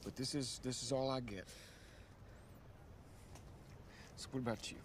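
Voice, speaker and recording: A man's voice: mid-range voice, steady tone, fast, slight background noise, lightly acted. An actor playing an intense, wounded young country man, making an emotional, insistent confession in a film drama. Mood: frustrated, pleading. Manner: emotional, insistent confession, repeating himself emphatically.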